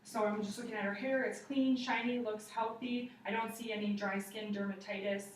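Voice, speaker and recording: Talking a little fast in a steady mid-range voice, a young woman guides a patient and observer through a clinical exam, describing each finding in student fashion. The setting is an indoor living room, recorded from a camera across the room with a roomy, distant sound and faint noise.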